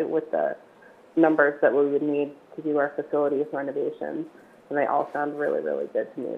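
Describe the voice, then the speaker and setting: Croaky-voiced woman on a tinny remote call. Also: low-pitched. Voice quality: croaky, odd-sounding voice. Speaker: board member joining remotely. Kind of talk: public meeting comment.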